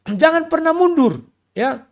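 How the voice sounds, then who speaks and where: Man, podcast host, animated pitch, blunt, scornful commentary. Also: unhurried. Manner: blunt, scornful, addresses listeners as friends. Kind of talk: commentary on a played clip.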